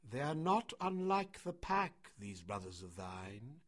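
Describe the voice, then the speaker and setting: A composed old-tale wolf played by a male narrator speaks with dry wisdom. He is measured and unhurried, in a clear bright tone from a storybook reading. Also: medium pitch, sing-song, exaggerated voice. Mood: composed, wry.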